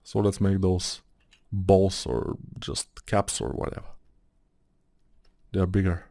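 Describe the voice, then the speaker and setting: A man's voice: low-pitched, slow pace, creaky, dark tone, dry recording. Man, Eastern European accent, casual tutorial talk, rambling, dry close sound. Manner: chatty, meandering, thinks aloud with many fillers. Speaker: 3D modeling tutorial maker.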